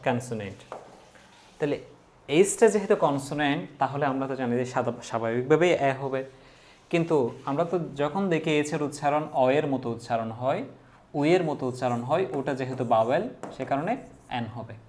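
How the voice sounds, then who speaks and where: A man, teaching an English grammar lesson to exam students. He asks questions and answers them himself, and slows down to list example words one by one. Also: medium pitch, darkish tone, slight background noise. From Bangladesh.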